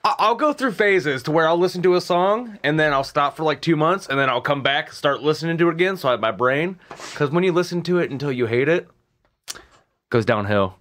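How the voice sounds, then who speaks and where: A man's voice: fairly high pitch, lively intonation, brisk, fairly bright tone. A man co-hosting a podcast with casual, joking, profane banter, pronouncing his r sounds like w. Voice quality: says w for r. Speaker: podcast co-host.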